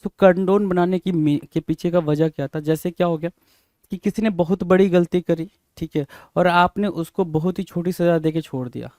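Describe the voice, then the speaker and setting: With a high, steady voice that's a little mellow, a man teaches exam vocabulary at normal speed. He spells English words letter by letter and keeps posing rhetorical questions, especially "bhai?" The sound is dry and clean, like a studio.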